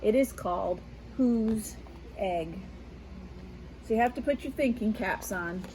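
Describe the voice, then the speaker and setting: This woman, a school media specialist, sits on her back porch outdoors reading a picture book aloud and chatting with children like a patient teacher. Her medium-pitched voice is mellow and a little slow. The low-quality recording carries a slight hiss or hum.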